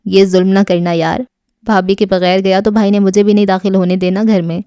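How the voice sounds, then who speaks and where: A woman's voice: mid-range voice, level tone, dark tone, clean tone, no echo, clean studio sound, close to an everyday voice. A woman reading a teasing young man. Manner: mischievous, wheedling. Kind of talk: audiobook character reading.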